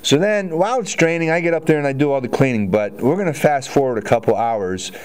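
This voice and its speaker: At a quick pace and in a voice on the high side, the hot tub shop owner, a man in his forties, cheerfully explains a how-to while walking around his large indoor showroom and gesturing. The sound is roomy, picked up from afar by a camera on a tripod.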